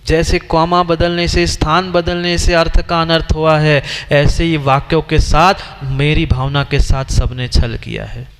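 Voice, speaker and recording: A man's voice: fairly high pitch, steady tone, measured pace, hardly any pauses, fairly bright tone, smooth. A man, a Jain monk, giving a sermon who questions and scolds his listeners as he teaches. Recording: long hall reverb.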